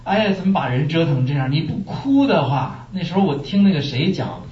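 Pastor, man from China, lively sermon voice, fairly high, heard from afar with dull sound. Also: fairly quick. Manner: animated storytelling with rhetorical questions. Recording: echoey room, distant muffled mic.

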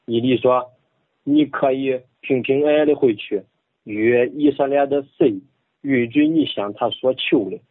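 A man's voice: mid-range voice, a little slow. Modest man with Henan dialect, tinny. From Henan, China. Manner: modest, quiet, laughs shyly. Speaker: radio co-host.

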